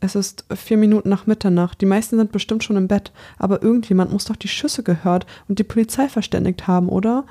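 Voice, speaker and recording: A narrator voicing a frightened young woman who urgently pleads with her friends to stay calm and work together. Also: mid-range voice, quick pace, few pauses, pitched above the performer's own voice, close to an everyday voice. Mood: hopeful.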